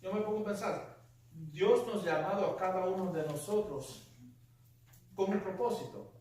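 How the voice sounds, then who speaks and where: High-voiced man preaching in echoey church. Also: normal speed, darkish tone. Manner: emphatic, asks many rhetorical questions. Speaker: pastor. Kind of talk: sermon. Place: church sanctuary. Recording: echoey church hall, distant mic.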